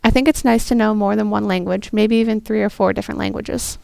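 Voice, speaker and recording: A young woman, a student interpreter, voicing a first-person story in an earnest, steady way. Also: medium pitch, quick pace, creaky, no room sound. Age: young adult.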